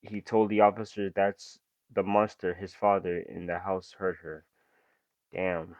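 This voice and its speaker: A man's voice: low-pitched, flat delivery, measured pace, darkish tone, no echo, muffled recording. A young man, reading true-crime text aloud and breaking off into casual slangy reactions. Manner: reads story aloud, then breaks off into slangy asides. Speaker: reaction video host.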